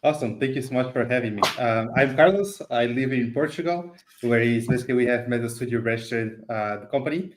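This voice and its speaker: A man giving a conversational company pitch as an interview guest, explanatory, with non-native English phrasing and filler words. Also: quick pace, few pauses, echoey room, slight background noise. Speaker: game studio CEO, interview guest.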